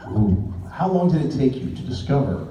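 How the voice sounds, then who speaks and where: A man's voice: mid-range voice, very animated, moderate pace, mellow, lo-fi sound, slight background noise. A man in the audience hesitantly asking the panel a question, then repeating it. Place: large convention panel hall. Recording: very echoey hall, phone from far off.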